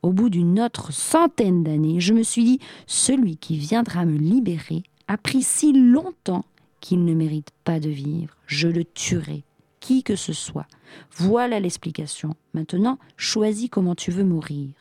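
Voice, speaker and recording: A huge, vain male genie from a storybook, as a woman reader puts him on, blustering with a mellow tone. He flares into indignation easily and whines when outsmarted. The sound is dry and close. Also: fairly low pitch, animated, unhurried, dry recording. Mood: boastful. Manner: blustering, turns whiny when tricked. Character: huge boastful quick-tempered male genie. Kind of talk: storybook reading.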